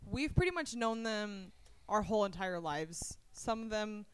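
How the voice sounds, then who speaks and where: A woman's voice: medium pitch, animated, unhurried, clear, resonant tone. A young woman from Minnesota hosting a casual podcast, upbeat and steering the conversation. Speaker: podcast host. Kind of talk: casual chat.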